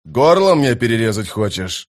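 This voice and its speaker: Gruff suspicious sergeant, accusing tone, read by a guy, audiobook. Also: mid-range voice, big pitch swings, moderate pace, lightly acted.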